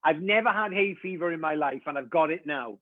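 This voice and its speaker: A chatty man, a wig designer, talking on a live stream over a video call. His voice sits a little high and comes through a thin, dry, phone-like line with no room sound at all. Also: brisk, dry recording. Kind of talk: casual livestream chat.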